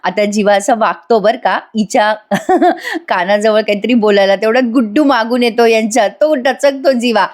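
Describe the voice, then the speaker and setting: A woman's voice: fairly high pitch, moderate pace, a little mellow. A woman giving a chatty voice-over review of a TV serial episode, talking straight to her viewers. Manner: chatty, addresses viewers, laughs often.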